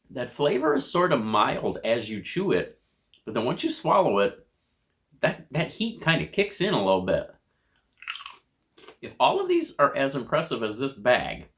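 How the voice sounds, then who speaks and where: An American man giving a casual food review to camera in a measured, descriptive way, crunching and chewing chips between remarks. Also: medium pitch, a bit bright. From United States.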